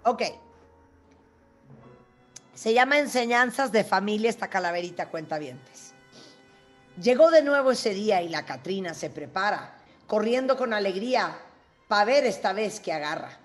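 A woman hosting a radio show, reading humorous verse and bantering briskly with her co-host. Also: mid-range voice, animated, faint music behind. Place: radio studio.

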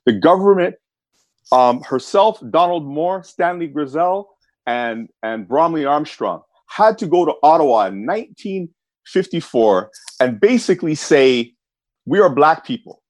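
Male podcast guest, passionate and animated, quotes others in lively voices, dry sound. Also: on the high side, dry recording. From Canada. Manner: animated, impassioned, acts out quoted people. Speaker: voice actor. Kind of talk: casual podcast discussion.

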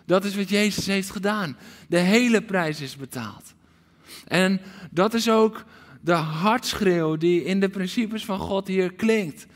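A man preaching a livestreamed sermon with passion, moving from loud pleading calls to hushed, almost whispered lines. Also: sits high, measured pace. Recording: long hall reverb.

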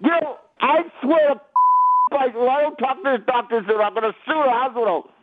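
A man's voice: very high-pitched, fairly quick, noisy background. A man whose mouth is swollen after dental surgery, groggy and mumbling with slurred speech, growing outraged. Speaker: prank call target. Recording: tinny phone line.

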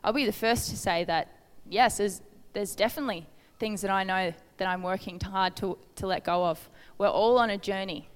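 A woman's voice: mid-range voice, normal speed, hardly any pauses, clean tone. Woman preaching in a reverberant hall. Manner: conversational, earnest, asks the listeners questions. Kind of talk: informal sermon with Bible reading.

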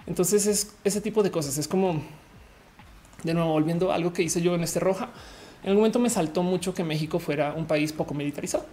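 A Colombian woman living in Mexico hosts a live talk show, chatting casually with her audience in a fast, warm, fairly low voice. Her livestream commentary rambles, full of fillers and restarts.

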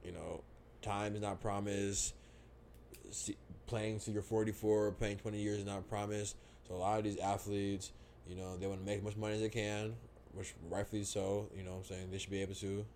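A man's voice: lowish voice, level tone, fairly quick, darkish tone, a little hiss or hum. A young man in casual sports talk, laid-back and hesitant, often repeating words. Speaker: podcast co-host.

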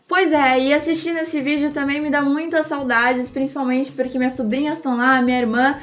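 High-voiced Brazilian woman teaching English. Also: flat delivery, faint music behind. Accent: Brazilian Portuguese. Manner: slow, drawn-out model words for repetition. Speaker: English teacher and channel host. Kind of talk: English pronunciation lesson.

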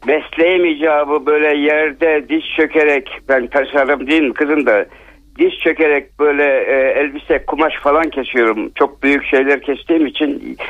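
A man from Turkey speaks over a thin, tinny landline phone. His voice sits a little high. He explains things plainly, pausing now and then. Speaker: caller. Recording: thin phone-line sound.

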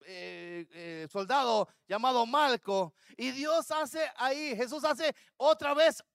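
A man's voice: extremely high pitch, takes it slowly, gravelly, fairly bright tone, no echo, studio quality. A man pastor preaching a sermon to his congregation, acting out the words of biblical figures. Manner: addresses congregation as brothers.

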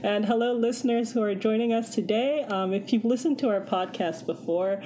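A woman with a Canadian accent hosting a casual podcast chat in a playful, expressive way. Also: a little high, normal speed, slight background noise. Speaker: podcast host.

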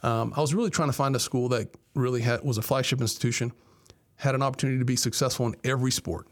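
A man in his forties from Miami, Florida, in the United States, works as a college athletics director. He tells his story conversationally as an interview guest. His mid-range voice keeps a steady tone, and he talks fast.

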